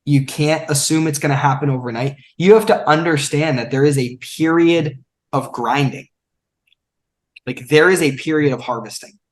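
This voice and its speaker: A young man in his twenties appears as a podcast guest in a motivational conversation, speaking emphatically like a coach and acting out quotes. His pitch is fairly high and his pace moderate.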